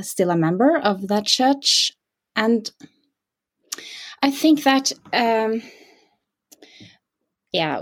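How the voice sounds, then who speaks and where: Being interviewed as a guest, a woman from Norway in her forties responds haltingly, pausing, using fillers and restarting often. Her voice is medium-pitched and carries a Norwegian accent.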